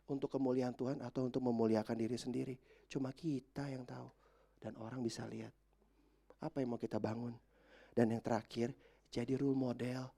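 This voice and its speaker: A male pastor preaching a sermon to a church congregation, turning from quiet, chatty asides to shouted high climaxes, asking the listeners questions and slipping into casual slang. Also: level tone, brisk, gravelly. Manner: addresses the congregation directly with questions; mixes in casual slang and English words. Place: church service.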